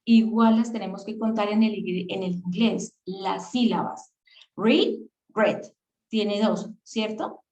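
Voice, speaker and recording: A woman's voice: mid-range voice, steady tone, a little slow, few pauses, dark tone, dull audio. A woman teaching an English grammar class over a video call, explaining patiently and often checking that students follow. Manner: patient, checks understanding with questions. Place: virtual session.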